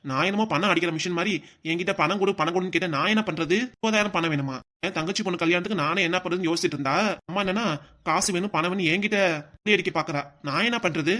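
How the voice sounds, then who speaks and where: A gruff vegetable seller at a market in a cartoon, played by a man, loud and forceful in his brisk delivery. He speaks a southern Tamil Nadu dialect. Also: sits high. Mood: angry. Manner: loud hawking, then harsh scolding. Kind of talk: cartoon voice acting.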